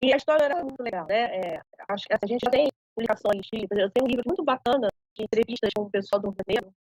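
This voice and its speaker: A woman's voice: fairly high pitch, very fast, darkish tone, husky, dry recording, dull audio. A woman moderating an online academic seminar, talking hesitantly with many fillers and tag questions.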